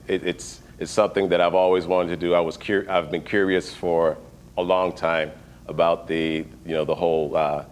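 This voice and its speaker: A man with a fairly low voice chats on a morning show, pausing often with uhs and starting his sentences over. A faint hum of room ambience sits behind him. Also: flat delivery. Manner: hesitant, with many uhs and restarts. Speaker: cameraman. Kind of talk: casual chat on a morning show.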